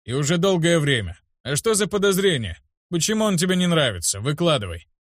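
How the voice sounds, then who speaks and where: A man voicing a gruff, irritable grown man who talks brusquely. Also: on the high side, big pitch swings, a little fast, no room sound, clean studio sound, pitched above the performer's own voice.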